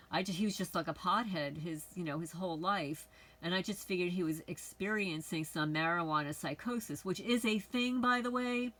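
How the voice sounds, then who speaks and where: On a low-quality recording, a middle-aged channel host from the Bronx talks candidly and wanderingly to her viewers in a casual personal monologue. Her voice is on the low side with a fairly bright tone.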